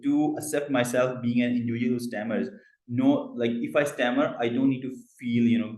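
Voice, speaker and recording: A man from Pakistan hosts an online club meeting over a video call, stammering and using frequent fillers. His voice is mid-range, and the low-quality recording has an echoey room sound.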